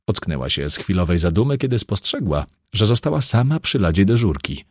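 Male audiobook narrator: very low and husky, lively intonation, dry close sound. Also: dry recording. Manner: measured, dramatic storytelling.

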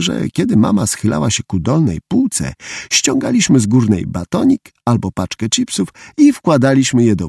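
A man's voice: mid-range voice, gravelly, dark tone, slightly rough, no room sound. A man narrating a first-person audiobook in a wry storytelling tone, recorded dry and close to the mic.

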